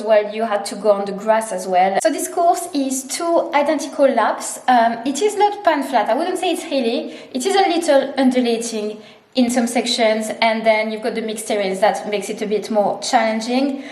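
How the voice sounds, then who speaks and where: A woman's voice: fairly high pitch, normal speed, a little mellow, echoey room. A woman chatting informally to her running vlog, telling things in a casual storytelling way. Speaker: running vlogger.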